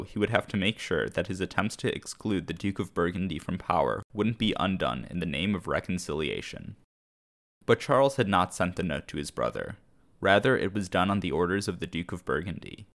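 A man hosting a history podcast, telling the story in a measured, scripted narration. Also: sits low, creaky. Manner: measured storytelling, briefly acting out shouted quotes.

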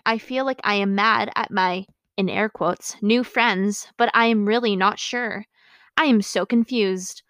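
A woman's voice: a little high, bright, forceful tone, clear, resonant tone, no room sound. A woman hosting a podcast, reading her childhood journal entries aloud and breaking off for amused, self-mocking comments and laughs. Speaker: podcast host.

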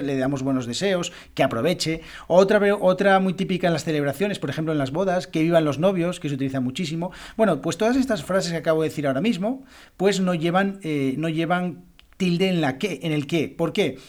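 Male podcast host, Spanish teacher; clear and patient, slightly high voice, says examples aloud. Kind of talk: explanatory podcast lesson.

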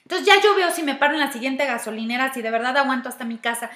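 A woman's voice: high-pitched, fast, a bit bright. A woman with a Mexican Spanish accent giving a reflective self-help talk, walking through steps and asking herself questions aloud. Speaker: speaker giving personal-growth advice. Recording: roomy echo.

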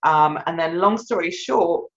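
A woman filmmaker, the guest on an interview show, telling her story in an animated, rambling way and laughing at herself. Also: fairly low pitch, unhurried, lo-fi sound.

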